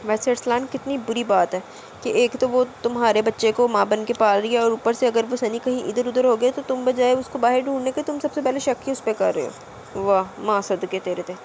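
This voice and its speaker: A woman reads a romance novel aloud, expressive and engaged, now and then breaking off for casual remarks. Her voice sits high. A faint hiss runs under the recording. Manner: expressive, adds casual comments. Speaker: audiobook narrator. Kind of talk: novel narration with Punjabi asides.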